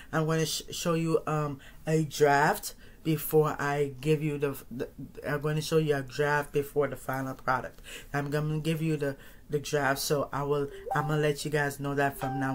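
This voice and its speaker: A man in his thirties hosting his own podcast, talking casually to his audience in a rambling way, repeating phrases and restarting sentences often. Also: on the high side. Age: 30s. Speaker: podcast host. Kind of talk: casual solo monologue.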